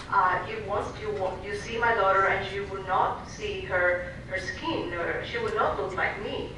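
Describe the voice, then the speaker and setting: Earnest woman. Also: mid-range voice. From Venezuela. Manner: earnest, halting with many restarts. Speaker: panelist. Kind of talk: panel discussion. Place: large hall at a public panel. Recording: distant echoey hall recording with noise.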